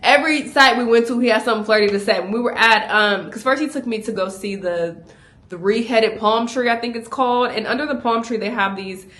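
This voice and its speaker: A young woman vlogging a casual travel storytime, animated and laughing as she acts out what people said to her. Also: a little high, fairly quick.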